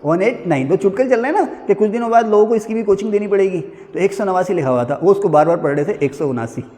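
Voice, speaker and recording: A man's voice: sits high, darkish tone, long reverb tail. A man teaching a class in a chatty lecture style, calling his students "beta" and checking in with "hai na" asides. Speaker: civil services teacher.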